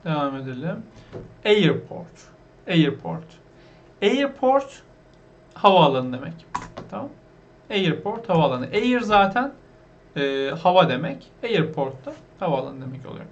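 Teaching an English lesson online, a man with a rather high voice explains things slowly and patiently, repeating every word and quizzing viewers along the way. He's very animated, though the recording is dull and lo-fi with slight background noise.

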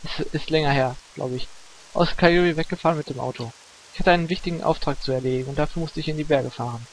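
A man's voice: fairly high pitch, fast talker, a little hiss or hum, lightly acted, low-quality recording. A man voicing a weary middle-aged male hitman in his own plain voice, reading game dialogue with restarts. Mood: weary, earnest.

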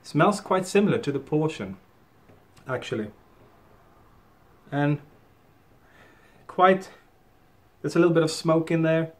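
A man's voice: a little high, slow, long pauses. A man doing a casual product review, thinking aloud as he talks into a can held up to his face. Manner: relaxed, thinking aloud with fillers.

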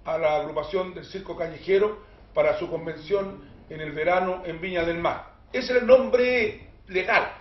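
A high-pitched Chilean man hosting a talk show, telling stories with emphatic, joking energy. The sound is dull and echoey, with faint room noise underneath. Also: normal speed. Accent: Chilean Spanish. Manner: animated, emphatic storyteller with jokes. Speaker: host. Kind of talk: casual studio chat.

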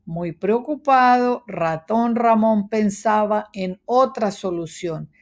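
Teacher reading to kids: woman, mid pitch, slow, deliberate. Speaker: third-grade teacher. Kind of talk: children's story read-aloud.

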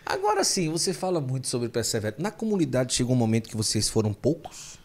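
A man's voice: mid-range voice, very animated, fast. A man hosting a podcast, asking curious follow-up questions and agreeing often. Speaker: podcast host. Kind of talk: casual interview.

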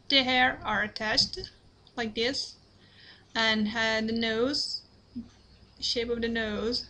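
This young Italian woman creates drawing tutorials, and her voice sits on the high side with a sharp edge. Speaking slowly and haltingly, she apologizes often and fills the screen-recorded lesson with fillers and restarts. She's indoors at a computer.

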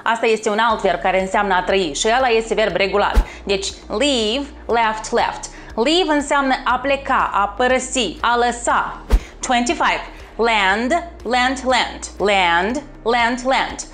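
A woman teaching an English lesson online, upbeat and encouraging, repeating words slowly and clearly. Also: a little high, a bit bright, soft background music. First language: Romanian.

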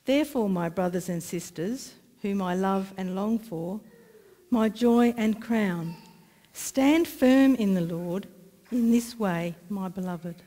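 A middle-aged woman with an Australian accent, reading scripture aloud in a measured, careful way at a church lectern. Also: medium pitch, dark tone. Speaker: scripture reader. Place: church sanctuary, indoors. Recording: long church reverb.

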